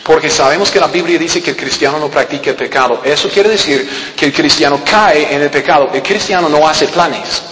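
A man's voice: fairly high pitch, fairly quick, hardly any pauses, a bit bright, echoey room, long reverb tail, a little hiss or hum, poor audio. A man with a Costa Rican accent preaching a sermon, emphatic and repetitive, with rhetorical questions. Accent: Costa Rican Spanish. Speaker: pastor.

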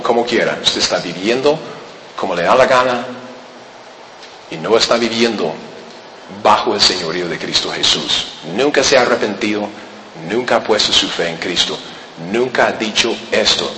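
A man preaching a Bible-teaching sermon, emphatic, often pointing listeners to the text and dropping to low, quiet urging. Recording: roomy hall with long reverb, faint noise.

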